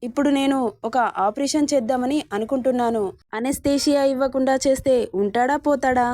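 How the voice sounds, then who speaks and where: A woman's voice: sits high, steady tone, fairly quick, mellow, no echo, clean studio sound, lightly acted. A woman voicing a vengeful young man who taunts and threatens his captive in a read-aloud story. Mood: taunting menace. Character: vengeful young man, hero, cold and menacing.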